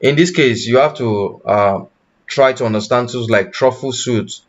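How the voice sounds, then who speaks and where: A man teaching blockchain development in a live online class, pausing often and correcting himself, and checking in with "you understand?". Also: mid-range voice, lo-fi sound. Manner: halting, self-correcting, asks "you understand?". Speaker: tech instructor.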